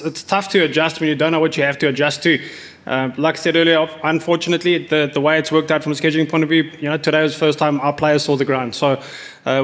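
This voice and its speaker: A man's voice: on the high side, fairly bright tone. A man in his forties, a cricket coach answering reporters' questions at a press conference, speaking into table microphones with frequent fillers and restarts.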